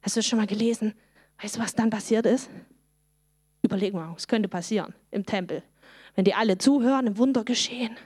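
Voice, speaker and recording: A woman, telling a Bible story to children in a lively way and asking them questions. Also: mid-range voice, fairly quick, husky, no room sound, clean studio sound.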